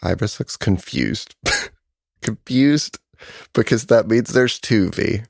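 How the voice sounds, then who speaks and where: A man's voice: fairly low pitch, lively intonation, slow, gravelly, darkish tone, no echo, studio quality. A man playing a tabletop role-playing game, improvising casually and thinking aloud in a hesitant, deliberating way.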